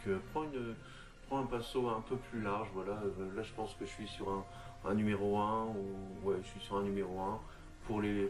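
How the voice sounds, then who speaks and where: A man talking through a miniature painting tutorial in a casual, halting way, full of fillers and restarts. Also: fairly low pitch. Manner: hesitant, lots of fillers and restarts, addresses viewer informally.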